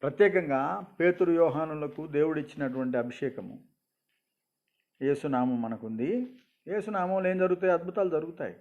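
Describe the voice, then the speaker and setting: A man's voice: on the high side, animated, normal speed, pauses often. A middle-aged man, a bishop preaching a sermon and telling stories, dropping English phrases. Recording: dull lo-fi sound.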